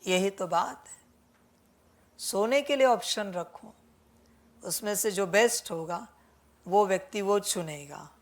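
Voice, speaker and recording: A woman spiritual teacher giving a sermon that addresses her listeners as children. She gently admonishes and repeats her points, with English words mixed into her talk. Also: medium pitch, slow pace, pauses often. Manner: mixes English words into Hindi.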